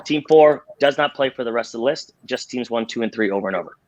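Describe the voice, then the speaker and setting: A man's voice: mid-range voice, quick pace, lo-fi sound. A man hosting a live trivia game in an upbeat, showy cruise-director style of announcing. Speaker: game show host.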